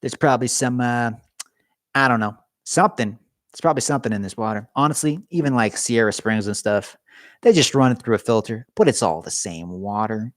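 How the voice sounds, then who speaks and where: On a casual live stream from his garage, a young man rambles and cracks jokes with viewers while his voice grows strained and fades. He talks fairly quickly at medium pitch, with studio-quality audio and no room sound.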